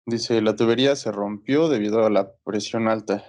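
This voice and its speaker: A man's voice: lowish voice, fairly even intonation, normal speed, darkish tone. A man taking part in a writing workshop, giving hesitant, unsure answers. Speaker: workshop participant.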